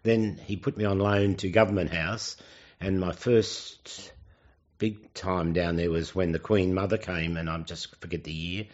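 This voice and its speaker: Man, 70s, Australian, low pitch. Halting, elderly reminiscing delivery in an interview, slightly muffled recording. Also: steady tone. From Sydney, Australia. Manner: halting, with hesitant pauses and self-corrections. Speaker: oral history interviewee.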